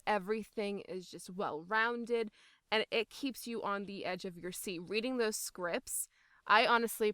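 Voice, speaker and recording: A young woman, a voice actor, is the guest in a casual interview, speaking enthusiastically and emphatically and laughing as she talks. Her voice is medium in pitch and a bit bright, recorded clean in a studio with no room sound.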